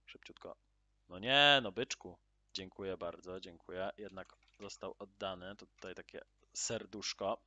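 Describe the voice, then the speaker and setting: A man hosting his gaming channel, greeting viewers loudly and then muttering casual commentary as he plays, with sudden excited exclamations. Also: low voice, moderate pace, dry recording. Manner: loud upbeat greetings, then mutters quietly while playing; excited exclamations at in-game drops.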